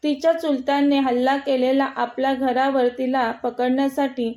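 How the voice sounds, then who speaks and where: A woman's voice: sits high, a little mellow. A stern domineering mother, as a woman narrator puts her on. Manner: blunt and unapologetic. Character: stern domineering middle-aged mother, disapproving.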